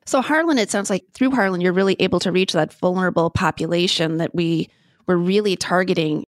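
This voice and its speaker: A woman's voice: on the low side, brisk, no echo, studio quality. A woman hosting a podcast interview, introducing and addressing her guest in an encouraging, complimentary way. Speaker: podcast host.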